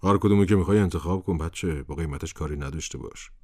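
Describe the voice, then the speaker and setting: A proud, gruff working-class father, as a male narrator does him, insisting in a deep, low voice. He is a character in a storybook reading. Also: darkish tone, no echo, studio quality. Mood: urging.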